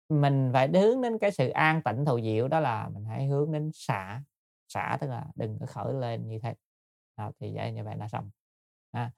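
Gravelly-voiced man giving a dharma talk. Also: mid-range voice, no echo, clean studio sound. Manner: patient, explanatory, addresses listeners politely with frequent hesitations. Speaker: Buddhist teacher.

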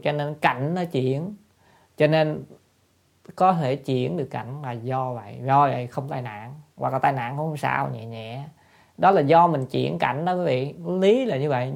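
A woman's voice: rumbling low, gravelly, a little mellow. A woman giving a Buddhist dharma talk, asking her listeners questions and then answering them, and repeating short phrases for emphasis.

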